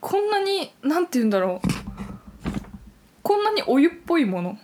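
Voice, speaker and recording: Young female student host, higher-pitched voice, chatty radio-show delivery. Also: sing-song, moderate pace, a little mellow, a little hiss or hum. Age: young adult, university student. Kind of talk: casual chat with scripted greetings.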